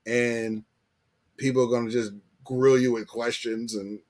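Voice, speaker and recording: A man's voice: medium pitch, level tone, a little slow, darkish tone. An American man hosting a casual live chat, slangy and fond of repeating phrases for emphasis. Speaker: live stream host.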